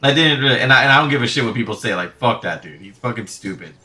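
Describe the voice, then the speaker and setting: Brief: young male let's play host, bright sharp voice, animated and profane, music under it. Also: medium pitch, fast talker. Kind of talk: casual gaming chat.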